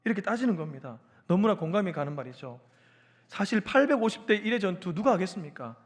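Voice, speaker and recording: Animated, high-voiced male preacher. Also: fast. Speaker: pastor. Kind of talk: sermon.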